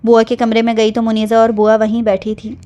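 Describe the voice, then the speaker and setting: A woman reads an emotional romance novel aloud. Her voice is slightly high yet soft and mellow. She narrates in a smooth, even storytelling manner. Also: highs cut off. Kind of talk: novel reading.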